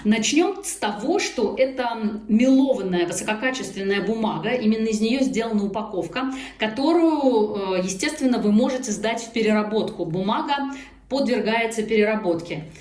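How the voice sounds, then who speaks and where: A woman's voice: a little high, animated, normal speed, darkish tone. A woman giving an upbeat, explanatory, casual product review as she talks through an unboxing. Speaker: product presenter. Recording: echoey room, faint background noise.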